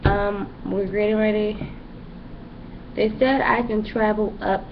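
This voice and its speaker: This young woman's pregnancy vlog update comes in a medium-pitched, steady, slow voice. She's chatty and rambling, with many fillers, and the home recording is lo-fi and dull, with background noise.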